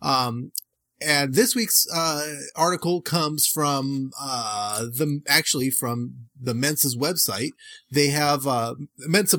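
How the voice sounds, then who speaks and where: A man's voice: mid-range voice, fairly bright tone, no echo. A man co-hosting a beer podcast, chatting casually and rambling with restarts and fillers. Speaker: podcast co-host. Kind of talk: casual chat.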